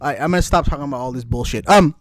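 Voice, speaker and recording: A man's voice: medium pitch, very fast, dry recording. A man co-hosting a casual podcast, goofy and swearing a lot. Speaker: podcast co-host.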